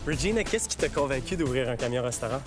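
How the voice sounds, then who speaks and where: A man's voice: medium pitch, expressive, quick pace, music in the background. Joking male show host. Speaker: travel food show host. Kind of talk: casual chat and interviewing.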